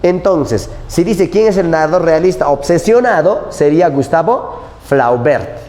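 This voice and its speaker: A man's voice: a little high, lively intonation, unhurried, dark tone. A man teaching a literature class, talking animatedly and constantly checking in with his students. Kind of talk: prep-school lecture. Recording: long hall reverb.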